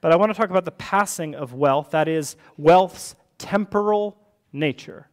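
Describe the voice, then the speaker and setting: A man's voice: on the high side, normal speed. A man, the church's rector, preaching a sermon in a church service in a conversational way, often checking in with the listeners. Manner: conversational, checks in with tag questions.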